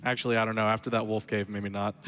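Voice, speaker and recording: A man's voice: on the low side, fairly bright tone, a little hiss or hum. A man giving casual live commentary as he plays through his own speedrun, explaining the route with chatty, playful asides. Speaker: speedrunner narrating own run.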